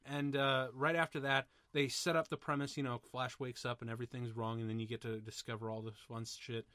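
A man co-hosting a podcast, chatting casually about a movie in an excitable, rambling way with plenty of swearing. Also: mid-range voice, fairly quick, dry recording. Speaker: podcast co-host. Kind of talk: casual movie commentary chat.

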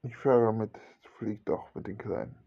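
A man's voice: on the low side, big pitch swings, a little slow, gravelly, slightly rough. A man narrating a homemade radio-play story, switching between narration and the characters' lines without strongly changing his voice. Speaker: hobby storyteller voicing every character. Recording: dull lo-fi home recording.

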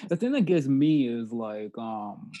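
A young man co-hosting a casual podcast, reflecting out loud and chuckling often. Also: mid-range voice, very animated, a little slow, muffled recording, noisy background. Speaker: podcast co-host. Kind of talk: casual chat.

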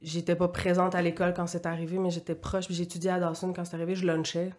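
A woman's voice: on the low side, completely flat delivery, fast talker, a little mellow. A woman in her thirties with a Quebec French accent, a podcast guest telling her story in a candid, run-on way. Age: 30s. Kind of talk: casual conversational interview.

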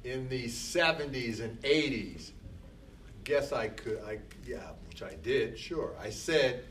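Slow, bright-voiced male teacher. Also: medium pitch, expressive. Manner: talks to himself in quoted dialogue. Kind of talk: classroom talk. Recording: noisy room, voice from a distance.

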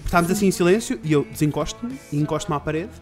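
A man's voice: a little high, lively intonation, very fast, over music. A man with a European Portuguese accent, telling a story in casual chat and acting out the voices of the people in it. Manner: acts out quoted voices, breaks into shouts and laughs.

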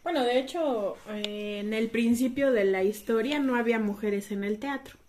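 Chatty woman, slightly high voice. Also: normal speed, darkish tone, a little hiss or hum. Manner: chatty, restarts often. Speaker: podcast co-host. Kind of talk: casual conversation.

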